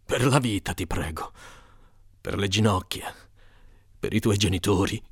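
A man's voice: medium pitch, unhurried, bright, forceful tone, dry recording, clean studio sound. A man playing Hector, grave and solemn. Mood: pleading. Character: doomed noble Trojan warrior prince, proud and brave. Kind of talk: dramatic epic reading.

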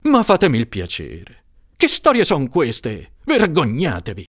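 Exasperated judge, a man putting him on, raised high and incredulous, lively. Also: normal speed, dry recording, studio quality. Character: exasperated middle-aged male judge.

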